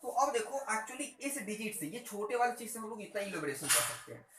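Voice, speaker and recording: A man's voice: high-pitched, sing-song, fairly quick, a bit bright. A man teaches chemistry at a board. He keeps asking the class rhetorical questions and repeats his phrases over and over. The room is echoey, with a faint hum underneath. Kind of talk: whiteboard lecture.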